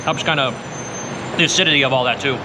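A man's voice: mid-range voice, fast talker. A man chatting with his mouth full as he tastes food and gives an enthusiastic casual review. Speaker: food vlogger. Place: barbecue restaurant. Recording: noisy room tone.

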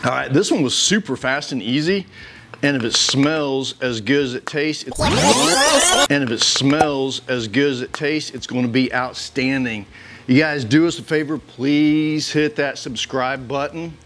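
A man's voice: mid-range voice, measured pace, fairly bright tone, a little hiss or hum. A man hosting a casual home cooking video, joking around and chuckling as he cooks. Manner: joking, easygoing, chuckles often. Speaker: cooking show host. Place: home kitchen.

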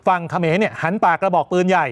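A male news anchor giving emphatic, animated commentary. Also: high-pitched, rapid-fire.

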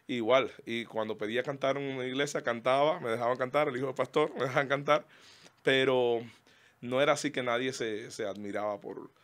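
A Cuban man speaks with a bright, lively tone and a Cuban Spanish accent. He tells stories in a casual interview at a middle pitch, wandering through his memories. His sentences often stop and restart. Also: a little fast. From Cuba. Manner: rambling, frequent restarts, laughs warmly. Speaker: guest singer and pastor.

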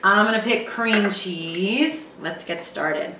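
A woman in her thirties with a bright, forward voice, cheerfully walking through a snack in her home kitchen. She chats in an upbeat, encouraging way. The sound is roomy and picked up from a distance. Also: mid-range voice, slow pace, slight background noise. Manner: upbeat, chatty, encouraging tips. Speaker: cooking show host, mother. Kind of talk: casual cooking demonstration with her daughter. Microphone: far camera mic.

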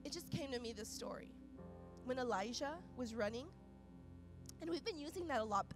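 Woman pastor, high voice, impassioned sermon over clear music, swings loud to soft. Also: expressive, normal speed. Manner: impassioned, swings between loud urgent peaks and soft quiet passages; repeats and restarts phrases while preaching. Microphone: microphone.

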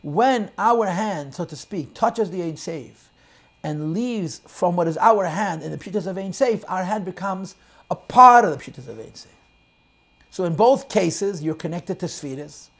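A man teaching a Chassidic text class, explaining in English sprinkled with Hebrew and Yiddish terms and shifting between loud and soft emphasis. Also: high voice. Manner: quotes and translates lines of text, swings loud and soft. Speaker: Torah teacher.

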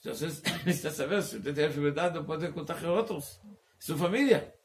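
A male rabbi giving a Torah class, talking in a halting way, searching for words and dropping in Hebrew terms. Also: fairly high pitch. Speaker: rabbi teaching Talmud.

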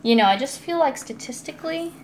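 This young adult American woman has a higher voice with an animated, brisk delivery and a darkish tone. Informal, chatty and giggly, she runs a cooking live stream in her home kitchen and reads comments aloud, picked up noisily by a nearby phone or tablet.

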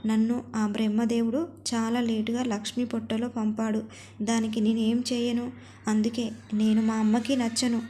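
A woman's voice: on the high side, level tone, normal speed, warm tone, a little hiss or hum. A woman narrating a family story in the first person, reading the quoted dialogue in her own voice.

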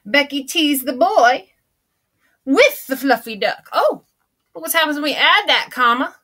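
Reading a storybook aloud, a woman plays a folksy Southern granny with a high, bright, fully expressive character voice. She drawls slowly, savoring every word, and keeps up a chatty, theatrical stream of gasps and exclamations.

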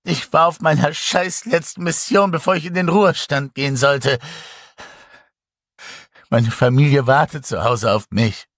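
Brief: a man doing a gruff, defensive Russian soldier pilot in a horror audiobook, loud and combative, husky edge. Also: fairly high pitch, a little slow, dry recording, studio quality, pitched above the performer's own voice. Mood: angry, defensive.

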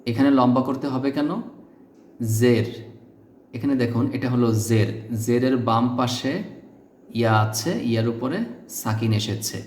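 A man teaching Quran pronunciation, repeating syllables slowly and patiently to stress the correct sounds. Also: medium pitch, steady tone, darkish tone, a little hiss or hum. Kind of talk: step-by-step pronunciation lesson. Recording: echoey room.

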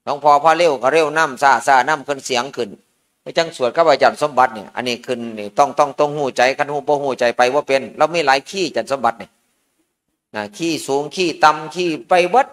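A man's voice: mid-range voice, fast. A man, a Buddhist monk with an Isan accent, giving an informal sermon at a merit-making ceremony in a folksy, joking storytelling manner.

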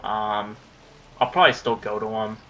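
Commentating over gameplay, the young man in his late teens rambles about upcoming recordings and curses when the game goes badly. He keeps a steady tone at a moderate pace in a lowish, slightly bright voice, with slight noise in the background.

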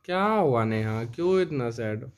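A man's voice: medium pitch, expressive, normal speed, smooth. A young man, filming a casual home vlog at night on a phone and coaxing and teasing his wife, often repeating himself. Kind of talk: casual family vlog chat.

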